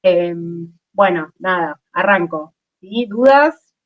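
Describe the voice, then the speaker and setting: A woman's voice: lowish voice, animated, takes it slowly. A woman teacher with an Argentine accent, leading an online class in a casual way, with many fillers and frequent checks with her students. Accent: Argentine Spanish. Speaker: chemistry teacher. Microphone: video call. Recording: dull lo-fi video call audio.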